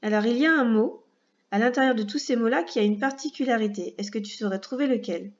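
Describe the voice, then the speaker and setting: A woman teaching a first-grade reading lesson, speaking patiently with clear articulation and talking straight to the child. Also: fairly high pitch, quick pace, dull audio.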